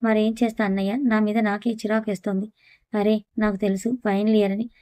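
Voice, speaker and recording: A woman narrating a family audio story, reading every character's lines and the narration in one even voice. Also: medium pitch, brisk, no echo.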